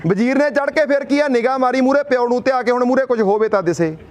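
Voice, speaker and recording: A young adult man with a very high voice speaks quickly, addressing a gathering in a rousing speech. He asks and answers his own rhetorical questions and tells a folk tale.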